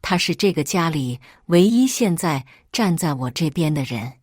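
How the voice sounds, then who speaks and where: A woman reads a first-person story aloud with emotive, expressive delivery. Her voice sits on the low side but swings widely in pitch, recorded dry and close. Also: normal speed, dry recording.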